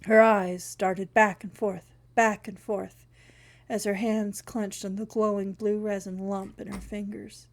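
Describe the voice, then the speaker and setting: A woman reading a first-person short story aloud in a steady, wry storytelling manner. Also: mid-range voice, measured pace. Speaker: narrator.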